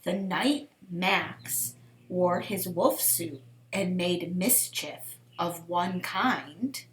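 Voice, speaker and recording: A woman reading a children's picture book expressively and deliberately, with dramatic pauses between phrases. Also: fairly low pitch, roomy sound, slight background noise, low-quality recording. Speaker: school program director reading to children.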